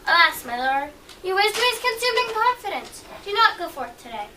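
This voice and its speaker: A woman plays a fearful Roman wife pleading in verse. Her very high, bright voice comes from a distance. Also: sing-song, a little fast, heavily acted. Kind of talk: amateur stage acting. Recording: distant mic, faint noise.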